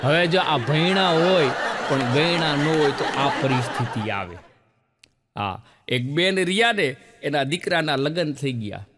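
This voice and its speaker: A man's voice: fairly high pitch, measured pace, in a large hall. A man with a Gujarati accent telling jokes on stage to a laughing audience, acting out the people in his stories. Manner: animated storyteller acting out quoted characters. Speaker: stand-up comedian.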